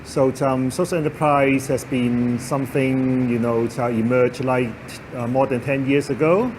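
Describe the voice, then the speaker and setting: A man, a social impact institute founder, speaking plainly with filler pauses. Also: mid-range voice, steady tone, noisy background. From Hong Kong.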